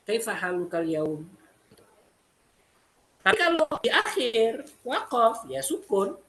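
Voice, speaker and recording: A man's voice: high-pitched, a bit bright. A man teaching an Arabic lesson, explaining step by step and repeating phrases. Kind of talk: classroom lesson.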